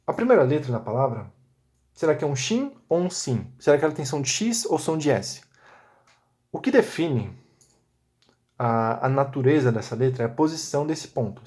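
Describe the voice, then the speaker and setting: Methodical, higher-voiced male teacher. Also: warm tone. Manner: patient, methodical explaining with checking tags. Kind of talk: recorded lesson.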